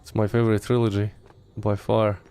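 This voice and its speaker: A man from Latvia chats casually over his gameplay, low and gravelly. His talk is relaxed and chatty, with faint game music underneath. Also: fairly quick. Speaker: streamer.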